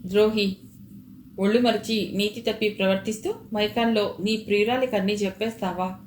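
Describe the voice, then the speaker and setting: A woman reading aloud, voicing a hot-tempered man who shouts accusations, recorded with a roomy echo. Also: mid-range voice, fairly even intonation, brisk, slight background noise, natural voice. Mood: furious.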